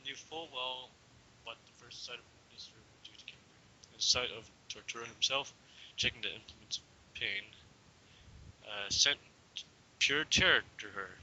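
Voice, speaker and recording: In a dull lo-fi home recording with a little background noise, a young man reads a story dramatically in an amateur style. His medium-pitched voice is bright and forceful at a moderate pace, with occasional stumbles and casual asides.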